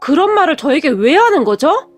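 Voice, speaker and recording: A woman's voice: high voice, very animated, a little fast. A woman voicing a cold, resentful grown son who answers in a clipped, icy way.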